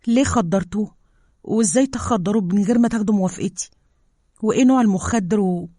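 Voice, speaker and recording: A woman with an Egyptian accent voicing a protective woman scientist who soothes gently and argues hotly. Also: mid-range voice, fast, no echo, studio quality, pitched above the performer's own voice, lightly acted. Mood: angry. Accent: Egyptian Arabic. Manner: soothing with the wolf, heated with colleagues.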